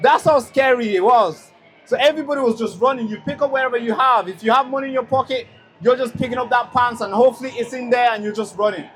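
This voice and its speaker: A young man with a strikingly high voice speaks at an outdoor street rally. He was born in a refugee camp in Tanzania. He tells a story emphatically and keeps restarting with "now". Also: fast, a bit bright, soft background music. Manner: emphatic storytelling with many repeated lead-ins.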